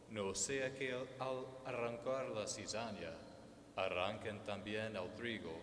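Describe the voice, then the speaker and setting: A male priest delivers a solemn Gospel reading at an unhurried, formal pace. His voice rings through a church with long cathedral echo, over faint background noise. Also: lowish voice. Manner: slow, measured, formal. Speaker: priest celebrant. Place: large church during Mass.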